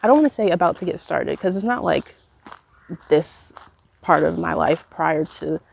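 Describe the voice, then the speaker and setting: A young woman in her twenties reflects in a pensive, casual way, as if thinking aloud to a vlog audience. Her voice sits slightly low and often dips into gravelly fry. A light layer of background noise runs under the recording. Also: expressive, a little mellow. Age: 20s. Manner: pensive, unhurried musing with trailing thoughts. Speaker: vlogger. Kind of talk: casual reflective solo monologue. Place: walking while recording, as a walk-along vlog.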